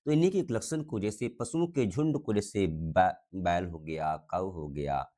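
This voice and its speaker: A man's voice: low-pitched, moderate pace, warm tone. A man teaching a grammar lesson, asking the class questions and repeating the answers, coughing now and then.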